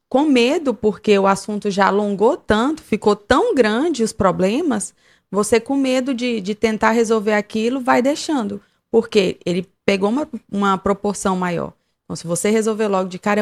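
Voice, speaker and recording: A woman co-hosting a podcast, explaining marriage advice in a reflective way with examples. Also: mid-range voice. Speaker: podcast co-host. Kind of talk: casual advice chat.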